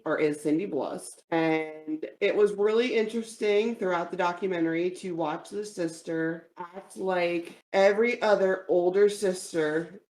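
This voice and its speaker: A woman with a New Jersey accent co-hosts a casual podcast in a rather low voice. She talks bluntly, digresses and swears freely. The recording sounds roomy and echoey. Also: darkish tone. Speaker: podcast co-host. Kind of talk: casual chat.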